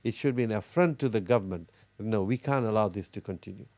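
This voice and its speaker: A middle-aged man from Fiji, a cardiologist, talking earnestly in an interview with many pauses and restarts. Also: fairly low pitch, darkish tone, dry recording. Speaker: cardiologist guest. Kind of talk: casual interview talk.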